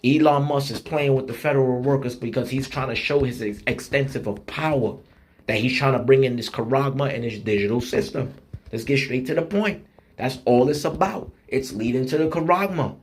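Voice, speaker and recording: A man preaching an online sermon in a blunt, street-style manner, slowing down to read scripture with emphasis and using rhythmic repetition. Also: mid-range voice, a little hiss or hum. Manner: slows down and reads scripture with emphasis.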